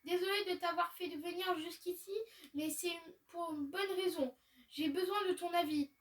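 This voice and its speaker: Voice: extremely high pitch, fairly even intonation, normal speed, fairly bright tone, recorded from a distance. A gamer reading aloud the lines of a friendly young female researcher in a video game.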